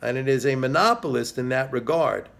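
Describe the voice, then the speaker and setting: A man's voice: medium pitch, brisk, creaky, fairly bright tone. A middle-aged man giving solo market commentary to camera, emphatic and sarcastic, with frequent filler sounds. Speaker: video host.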